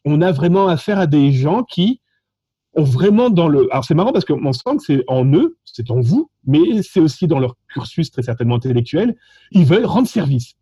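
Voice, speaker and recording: Lively French man, lo-fi sound. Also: a little high, slightly rough, no echo. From France. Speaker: social engineering contest participant. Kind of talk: animated conversational storytelling.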